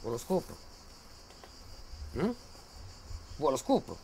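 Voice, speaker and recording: An actor playing a volatile, menacing militiaman who taunts and mocks, then bursts into shouting. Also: medium pitch, wildly swooping pitch, slow pace, vocal fry, a little hiss or hum, exaggerated voice. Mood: furious. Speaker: soldier threatening a journalist. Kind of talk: film acting.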